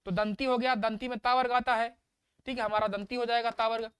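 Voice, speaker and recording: A male teacher runs a live exam-prep class, saying each sound aloud and coaxing answers from his students. His voice is smooth and resonant. It sounds dry and close, with no room echo. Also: very high-pitched, level tone, a little fast, a bit bright.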